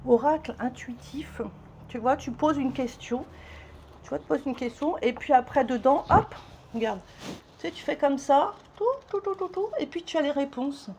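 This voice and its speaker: A woman's voice: sits high, moderate pace, a little mellow, a little hiss or hum. A woman with a French accent chatting casually to camera as a vlogger, rambling and swearing lightly, a little out of breath.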